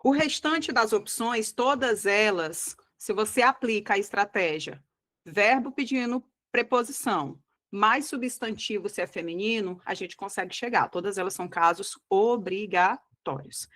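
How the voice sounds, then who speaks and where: A woman with a Brazilian Portuguese accent teaches an exam-prep grammar lesson, explaining step by step in a didactic way. She frequently checks in with her students using "tá?" and "tá bom?" and slows down to stress key words. Her voice is mid-range and a bit bright.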